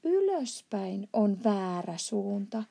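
A huge, good-natured old giant bellows in broken, made-up words, played by a woman reading aloud. The voice is dark and gravelly with a husky edge. He swings from earnest explaining to loud indignation, a storybook giant. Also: on the high side. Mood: indignant, shouting. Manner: mangled grammar and made-up words, shouts in outbursts. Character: huge kindly old male giant, blustering.

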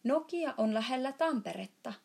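A woman voicing a big, friendly, muddled male giant who mangles his grammar and shouts now and then in a storybook reading. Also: lively intonation, gravelly, breathy edge, full character voice. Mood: booming muddled. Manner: jumbled grammar, booming shouts.

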